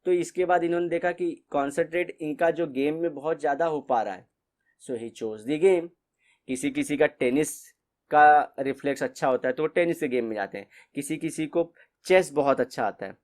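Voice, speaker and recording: A man's voice: a little high, fairly quick. A man teaching a class in a casual, conversational way, mixing English phrases into his explanations. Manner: conversational, mixes English phrases, repeats ठीक है.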